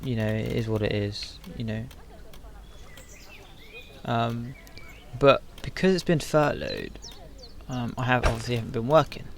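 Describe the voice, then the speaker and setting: A man's voice: mid-range voice, a little slow, pauses often, slight background noise. A sleepy, yawning man rambling to himself with lots of fillers as he builds in a game. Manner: rambling, self-talking, frequent fillers. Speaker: gaming video creator. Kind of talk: casual commentary while building in a game.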